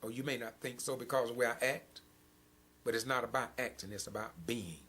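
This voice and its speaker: Older host, preachy and emphatic, mid-range voice. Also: male voice, mid-range voice, fairly even intonation, brisk, sharp tone. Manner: preachy, emphatic, rising and falling intensity. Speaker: program host. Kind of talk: impassioned spoken commentary.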